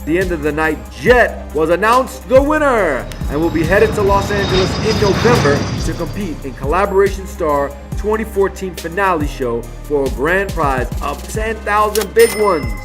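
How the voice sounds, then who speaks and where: A man's voice: high voice, animated, normal speed, hardly any pauses. A man giving scripted, upbeat news narration as host of a local music show, speaking over a voice-over.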